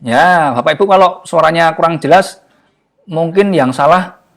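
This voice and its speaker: A man giving a casual, jokey motivational talk to a live online audience, often pausing for words. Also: a little high, a bit bright. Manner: chatty and jokey, often searching for words with fillers. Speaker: online class speaker.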